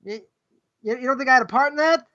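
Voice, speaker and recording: A middle-aged rabbi gives a live, rambling, conversational Torah lesson on ethics, heard through dull, lo-fi livestream audio. His voice is very high-pitched, fast, and sharp, and he fires off rhetorical questions while tagging nearly every point with "right?".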